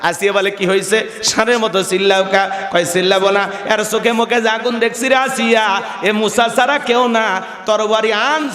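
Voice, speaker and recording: High-voiced man preaching, echoing hall. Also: fairly bright tone. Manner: dramatic, acts out characters in his storytelling; addresses the crowd directly and asks for responses. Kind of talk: Bengali waz sermon storytelling. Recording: echoey venue with long reverb.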